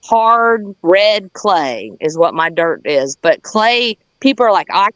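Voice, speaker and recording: With big swings in her medium-pitched voice, a Southern American gardener chats slowly and folksily on her livestream, rambling in a plain-spoken way. Her tone is fairly bright. There's no echo, but the highs are cut off.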